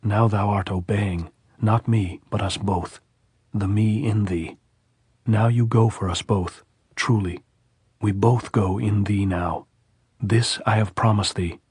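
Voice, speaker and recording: A man voicing a wounded soldier who speaks calmly and reasonably, with quiet authority. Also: on the low side, takes it slowly, breathy edge, dry recording, studio quality, heavily acted. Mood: tender. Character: wounded male American soldier, calm and commanding.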